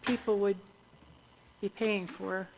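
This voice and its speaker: A woman's voice: medium pitch, fairly even intonation, slow pace, gravelly. A woman with a Canadian accent, a mayor in a council meeting, asking questions and spelling out the figures. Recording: tinny phone-like audio with faint room noise.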